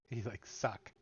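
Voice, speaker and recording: A man's voice: medium pitch, slightly rough, highs cut off. A man playing a tabletop game, bantering casually in a playful, teasing way.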